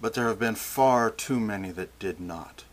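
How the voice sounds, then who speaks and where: An older man preaching a sermon, slow and deliberate, often restarting his phrases. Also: lowish voice, slight background noise.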